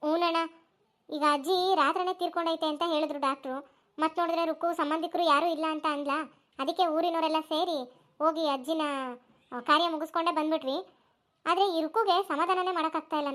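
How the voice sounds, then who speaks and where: Woman voicing a shrill, fussy village elder sister. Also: fairly even intonation, fast, fairly bright tone. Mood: explaining. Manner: fussy, scolding and comforting. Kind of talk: cartoon voice acting.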